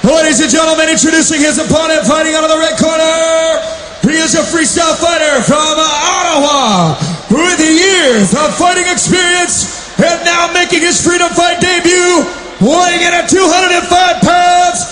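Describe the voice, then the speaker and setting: A man working as a ring announcer, delivering a grand entrance announcement with drawn-out, shouted phrases in a fight arena. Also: very high-pitched, a little hiss or hum. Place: indoor fight arena, over a sound system. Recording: echoey arena PA, loud music and crowd.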